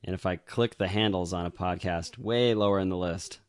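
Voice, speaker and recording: A man's voice: low-pitched, moderate pace, no echo. A man co-hosting a podcast in casual chat, rambling with lots of fillers and easy laughs. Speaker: podcast co-host.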